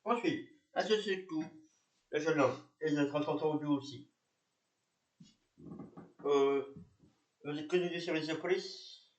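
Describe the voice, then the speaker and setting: A man narrates an amateur reenactment of a police patrol and plays the officer himself, speaking slowly with frequent pauses. His voice is fairly high, and he's hesitant, full of fillers and repeats. The recording is muffled, in an echoey room.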